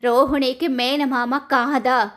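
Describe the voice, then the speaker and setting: A woman voicing a furious mother-in-law, sharp and indignant. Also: high voice, little pitch movement, slow pace. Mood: suspicious. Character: shocked, angry middle-aged mother-in-law.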